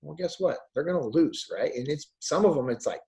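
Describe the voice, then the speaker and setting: A man in his thirties recounts a family story in easy, casual conversation, slipping into the voices of the people he quotes. His voice sits on the higher side for a man, and he talks at an unhurried pace. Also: lively intonation, a little mellow, slight background noise, poor audio. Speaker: podcast guest.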